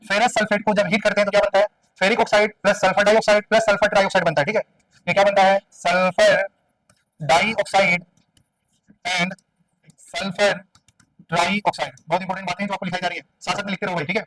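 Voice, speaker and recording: A man's voice: sits high, flat delivery, fast, fairly bright tone, no room sound, recorded from a distance, low-quality recording. A man teaching a chemistry class, firing questions at his students and repeating answers call-and-response style. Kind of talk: classroom lecture. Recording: dry room sound, voice away from the mic.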